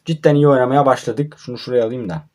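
Young male gamer, mid-pitched, tired and irritable play-by-play, snaps at his team. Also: steady tone, fast. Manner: sleepy and grumbling, erupting into frustrated shouts at his players. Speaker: mobile football gamer. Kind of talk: casual live gameplay commentary. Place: at home at night.

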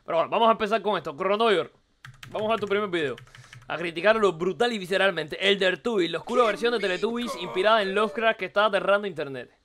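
Live on stream, a Cuban man with a Cuban Spanish accent tears through a viewer's video at breakneck speed, teasing, repeating himself and tossing out rhetorical questions in casual commentary. His high, bright voice is a bit hoarse from recording the night before. A faint hiss or hum runs underneath.

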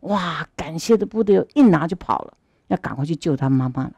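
Lively woman telling a sermon story. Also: brisk, creaky, breathy edge, no room sound. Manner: lively storyteller with swooping pitch and sound effects. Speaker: Buddhist master. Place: temple hall.

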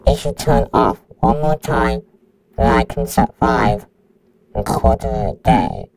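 A man's voice: medium pitch, measured pace, gravelly, a little hiss or hum, poor audio. A synthetic male voice playing a menacing computer virus that announces countdowns in a robotic tone.

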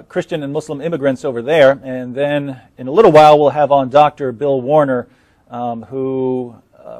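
A man in his thirties hosting a live studio talk show, earnest and halting with many fillers and restarts. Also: mid-range voice, a little mellow, no room sound. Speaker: host.

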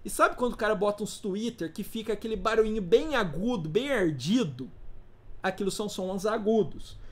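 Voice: mid-range voice, animated, normal speed. An instructor giving a casual live class, informal and slangy, often putting rhetorical questions to the audience. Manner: slangy, playful teaching asides.

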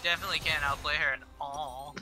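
A young man chatting on a voice call during a game, griping and sarcastic about other players. His voice sits high for a man, with music clearly playing behind him. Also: fairly even intonation, quick pace. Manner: complaining, aggravated, sarcastic. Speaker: teammate on a voice call. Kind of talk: casual gaming chat.

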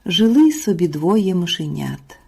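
Slow, mellow woman reading a children's tale. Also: fairly low pitch, very animated, gravelly, breathy edge. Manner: slow, gentle, storybook delivery. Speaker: storyteller. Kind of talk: scripted narration of a children's folk tale.

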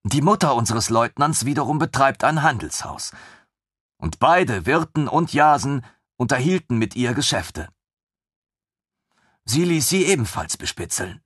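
A man voicing a calm young woman mage in a fantasy audiobook, explaining things patiently with quiet amusement. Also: mid-range voice, unhurried, slightly rough, no echo, studio quality, voice pushed up, heavily acted. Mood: amused. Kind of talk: audiobook character voice.

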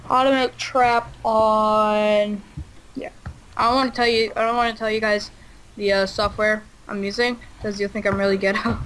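A woman's voice: medium pitch, little pitch movement, moderate pace, a bit bright, a little hiss or hum, low-quality recording. A woman chatting casually with a friend while they play a game together on a headset. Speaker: gamer co-host. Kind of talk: casual gaming chat.

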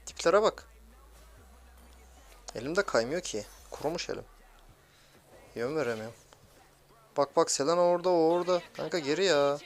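A young man giving excitable, grumbling commentary while playing a mobile game, swearing at teammates. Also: fairly high pitch, normal speed, pauses often. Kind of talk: live gameplay commentary.

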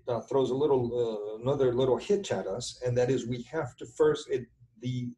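A slow, mellow middle-aged man with a medium-pitched voice teaches as a structural engineering instructor, giving an informal screen-share tutorial from an indoor computer on webcam. He is halting and deliberate, thinking aloud while writing, and the recording quality is low.

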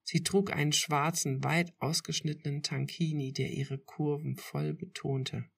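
A woman reading a first-person romance story aloud in a slow, intimate storytelling manner. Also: sits low, steady tone, gravelly, husky. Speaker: podcast reader.

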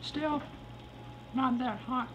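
A woman's voice: high voice, drawn-out words, dull audio. A woman reviewing a snack in a casual vlog, talking while chewing, plain and matter-of-fact. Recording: noisy home recording.

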